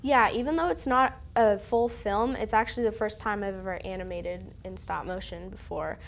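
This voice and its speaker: A woman's voice: mid-range voice, moderate pace. A teenage girl, a student filmmaker, chatting in an interview with many fillers. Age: teens. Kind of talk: casual interview.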